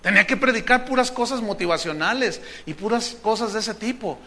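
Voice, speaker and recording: High bright-voiced male pastor preaching. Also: lively intonation, a little fast. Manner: humorous, mimics shouting preachers. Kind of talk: sermon.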